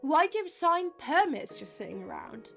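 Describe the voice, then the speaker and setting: High-voiced woman streamer reading a game. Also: big pitch swings, moderate pace, creaky, a bit bright, soft background music. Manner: playful, reads every part aloud. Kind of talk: reading game dialogue aloud.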